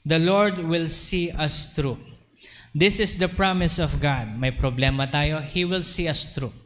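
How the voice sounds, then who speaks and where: A Filipino man preaching a sermon as pastor, switching between Tagalog and English, slowing down for scripture and acting out his listeners' voices. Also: a little high, a bit bright. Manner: mixes English into Tagalog, slows for scripture, acts out congregants' voices. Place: church hall. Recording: reverberant hall, faint ambience.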